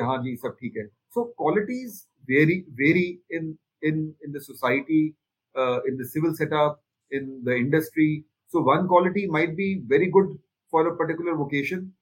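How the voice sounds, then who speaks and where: Panelist, male, Indian accent, slightly raised pitch with some huskiness, emphatic and repetitive in debate. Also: husky, rough recording. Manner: emphatic, repeats phrases to drive points home. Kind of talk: opinionated discussion.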